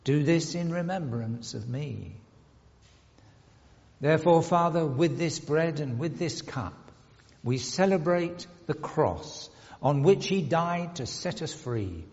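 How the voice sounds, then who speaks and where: A man leads the communion prayer in a large church, measured and solemn at an unhurried pace. His voice hangs in a long cathedral-like echo. The recording sounds dull and slightly muffled. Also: fairly high pitch, lively intonation, a little mellow. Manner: slow, measured, solemn intoning. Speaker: priest leading the communion prayer. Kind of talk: liturgical prayer recitation.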